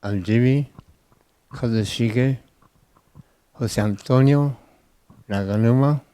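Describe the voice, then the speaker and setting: A man in his eighties from Peru introduces himself slowly and clearly. His voice is smooth and mellow, with a resonant tone. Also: medium pitch. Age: 80s. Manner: slow, clear self-introduction. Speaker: interviewee. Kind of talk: oral history interview.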